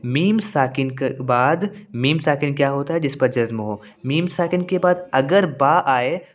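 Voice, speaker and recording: A man's voice: mid-range voice, unhurried, highs cut off. A man teaching Quran recitation rules, explaining patiently and repeating each point. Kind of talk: explanatory lesson with slow recited examples.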